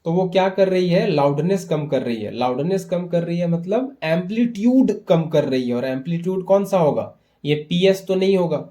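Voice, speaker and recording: Guy teaching physics for exams, bit high voice, goes step by step, keeps checking students get it. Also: expressive, moderate pace, dark tone. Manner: explains step by step with repeated "है ना" checks; Hindi mixed with English terms. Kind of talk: exam-prep physics lesson.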